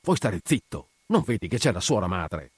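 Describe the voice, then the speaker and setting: A man's voice: fairly low pitch, sing-song, normal speed, darkish tone, husky, dry recording. A man doing a dutiful, plain-spoken police sergeant. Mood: hushed, deferential. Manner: respectful, reporting.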